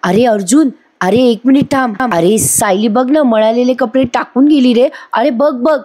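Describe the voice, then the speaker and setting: A woman's voice: a little high, moderate pace, warm tone, pitched above the performer's own voice, natural voice. Woman voicing a whiny scheming young wife. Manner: whining, protesting.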